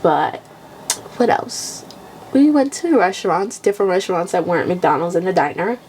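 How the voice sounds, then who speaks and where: A woman's voice: fairly low pitch, big pitch swings, moderate pace, a little mellow, a little hiss or hum, low-quality recording. A young woman co-hosting a podcast, chatting casually and bluntly and swearing freely as she retells her week. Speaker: podcast co-host. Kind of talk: casual chat.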